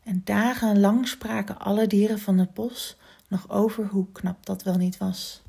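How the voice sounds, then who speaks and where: A woman hosting a children's story podcast, narrating gently and expressively and sometimes dropping to a whisper. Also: mid-range voice, flat delivery, unhurried, vocal fry, husky.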